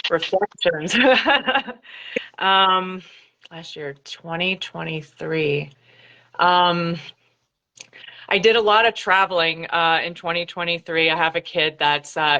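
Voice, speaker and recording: A woman's voice: low voice, bright, forceful tone. A woman from North Carolina, a guest practitioner on a video call, thoughtful and hesitant with frequent giggles. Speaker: guest, body talk and IFS practitioner. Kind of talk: casual interview chat. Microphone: remote video call. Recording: dull lo-fi video-call audio.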